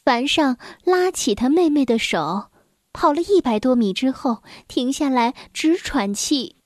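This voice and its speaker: A woman storyteller reads a children's story slowly and gently in a high voice. The sound is close and dry, with no room around it. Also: lively intonation, dry recording.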